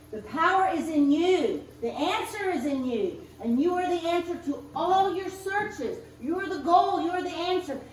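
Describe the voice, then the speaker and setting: A woman minister preaching a sermon, speaking in slow, emphatic spiritual affirmations, recorded in a church sanctuary. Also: high voice, slight background noise. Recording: roomy distant church recording.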